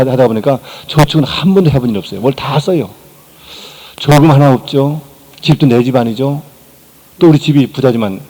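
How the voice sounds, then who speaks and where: An older male pastor preaching a personal testimony, his voice mellow and dark. He acts out quoted lines from his story, dropping to quiet tones and then rising again. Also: mid-range voice, poor audio. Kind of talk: sermon testimony.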